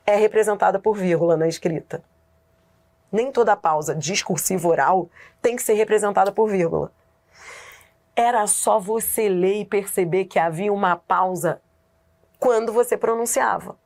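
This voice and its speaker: A woman with a Brazilian Portuguese accent teaches grammar in an energetic exam-prep lesson. She fires rhetorical questions at her students and laughs often, and her voice sits at an ordinary middle pitch.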